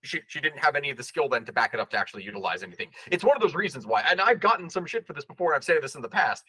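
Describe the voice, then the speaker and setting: A man's voice: a little high, sing-song, rapid-fire, bright, forceful tone, breathy edge, dry recording, rough recording. A man co-hosting a casual history podcast, explaining at length with firm opinions. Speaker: podcast co-host.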